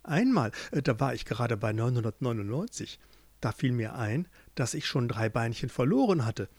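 A man's voice: mid-range voice, big pitch swings, normal speed, a little mellow, no room sound. A man voicing a cheerful, scatterbrained female millipede who rambles and loses count. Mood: rambling. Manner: chirpy, distracted, rambling.

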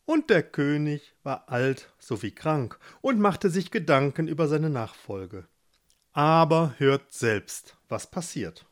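A man narrating a fairy tale in a playful, expressive way. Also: a little high, takes it slowly. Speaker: storyteller.

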